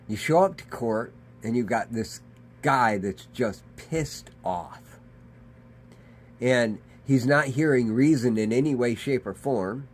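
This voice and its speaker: A man's voice: medium pitch, slow, a little hiss or hum. A man, a pastor, giving a conversational daily devotional sermon in an earnest manner. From Michigan. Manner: conversational, earnest, dramatizes quoted voices.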